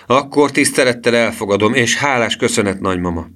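Storybook boy, earnest and polite, pitched well up, voiced by a male narrator. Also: fairly bright tone, natural voice. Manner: earnest, courteous. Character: eager polite young boy.

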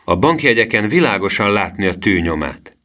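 A man's voice: on the low side, expressive, sharp tone. A man voicing a stern male bank cashier in an audiobook reading, strict and questioning.

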